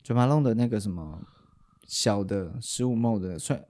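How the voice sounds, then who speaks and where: A man's voice: lowish voice, normal speed, a little mellow. A man with a Taiwanese Mandarin accent, a podcast host in casual chat who explains at length and often restarts his sentences.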